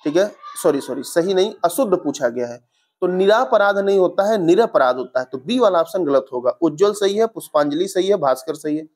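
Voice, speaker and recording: A man's voice: on the high side, expressive, a little fast, a little mellow. A young male teacher walking through exam spelling answers step by step in an online lesson, often correcting himself mid-sentence.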